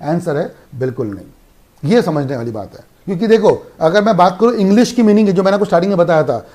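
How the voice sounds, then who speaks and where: High-voiced Indian man teaching law. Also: darkish tone. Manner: emphatic, asks and answers his own questions. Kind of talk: exam revision lecture.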